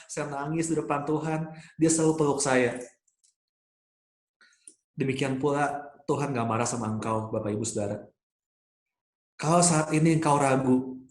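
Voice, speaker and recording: A man preaching a sermon as pastor, earnest and mixing in English phrases. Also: a little high. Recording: roomy echo.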